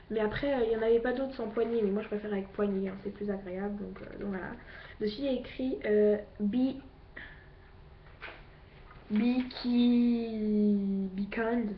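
A teenage girl chatting through a shopping haul, a little out of breath, gushing and filling her talk with fillers and repeated words. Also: medium pitch. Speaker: beauty vlogger. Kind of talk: casual haul video chat. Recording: roomy, dull lo-fi with faint hiss.

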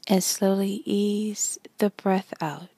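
A woman guiding a meditation in a slow, soft whisper with long pauses. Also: mid-range voice, fairly even intonation, slightly rough, dry recording. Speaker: meditation guide. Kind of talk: guided meditation.

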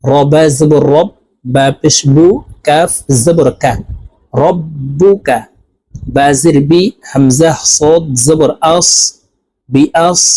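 Slow-spelling man teaching Quran reading. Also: on the high side, a little mellow, low-quality recording. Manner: spells each word syllable by syllable, then chants it drawn out in melodic recitation; brisk explanations of pronunciation rules between slow chanted phrases. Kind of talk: letter-by-letter Quran reading lesson.

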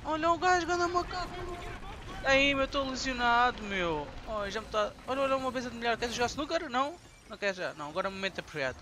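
Portuguese guy yelling over his game, super high voice, swears a lot, game noise behind. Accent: European Portuguese. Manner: excitable, swearing, frantic exclamations. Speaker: gaming channel host. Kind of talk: live gameplay commentary.

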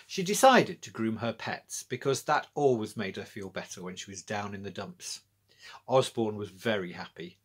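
This middle-aged British author narrates a children's story as a storyteller in a small room with bookshelves. His lower-leaning voice is slightly rough and animated, set at a moderate pace.

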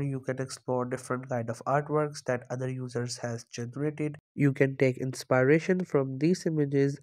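A man narrating a screen-recorded software tutorial, explaining each step plainly, with some non-native phrasing. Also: medium pitch.

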